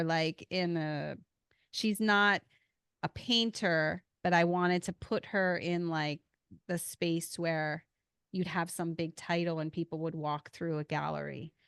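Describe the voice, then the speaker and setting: A woman's voice: on the low side, a bit bright, smooth, dry recording, clean studio sound. A woman hosting a podcast in casual chat, talkative and self-deprecating. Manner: chatty, self-deprecating, laughs often. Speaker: podcast host.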